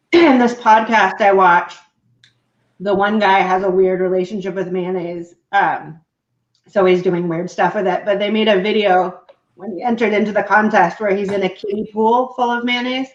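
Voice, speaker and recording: A woman competitive eater chatting casually during an eating contest, often clearing her throat. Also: medium pitch, fairly even intonation, moderate pace. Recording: echoey, muffled, noisy room sound.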